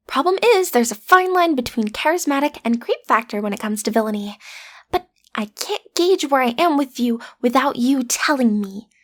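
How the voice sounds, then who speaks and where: A woman acts out a lovestruck teenage schoolgirl, the villain's daughter, who is an awkward amateur kidnapper, speaking intimately to the listener in an audio roleplay. Her slightly high voice is breathy and often drops to a whisper, her manner hesitant, flustered and playfully menacing.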